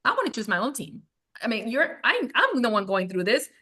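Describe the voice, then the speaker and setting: A Venezuelan tech founder in her forties speaks briskly in a voice that's a little high. She gives lively interview answers and acts out her own past thoughts.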